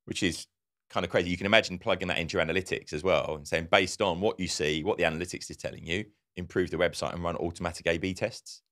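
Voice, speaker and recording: A man's voice: sits low, quick pace. A man co-hosting a marketing podcast, talking casually and acting out quotes as he tells a story. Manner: animated storyteller, acts out quotes. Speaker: podcast co-host. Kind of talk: casual conversational podcast chat.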